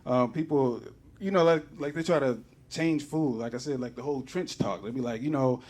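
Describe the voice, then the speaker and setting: A man's voice: medium pitch, moderate pace, a little mellow. A man doing a loose, rambling stand-up comedy set on a club stage, acting out other people's voices. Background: audience laughter.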